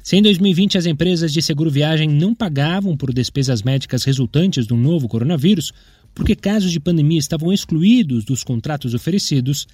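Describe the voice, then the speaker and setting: A man's voice: fairly high pitch, expressive, a little fast, a little mellow, husky. A man with a Brazilian accent reading scripted news narration as a presenter.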